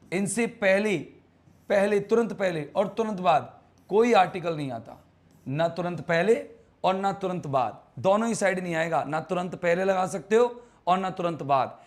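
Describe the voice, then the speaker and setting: A man's voice: sits high, expressive, moderate pace. A man teaching English grammar in a casual live online class, coaxing students and repeating words to drill them.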